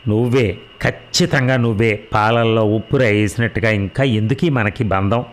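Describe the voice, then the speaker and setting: A man's voice: on the low side, steady tone, normal speed, natural voice. A man voicing a proud, sarcastic rich young wife in a read-aloud story, mocking and defiant. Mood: bitter. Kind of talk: audio drama reading.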